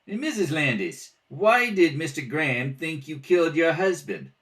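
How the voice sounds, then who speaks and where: A man with a fairly high, sing-song voice, slightly bright and at a moderate pace, plays a blunt, brusque police lieutenant grilling suspects in an old-time radio detective play. His mood is probing. It's a distant home rehearsal recording made at a kitchen table.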